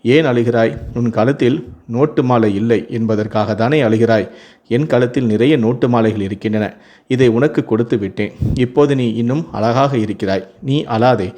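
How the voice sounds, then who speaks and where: A sweet, childlike young man with an innocent, simple way of talking, voiced by a male storyteller. The delivery is soft and a little lower than the narration. Plain storybook reading. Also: normal speed, lightly acted. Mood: coaxing.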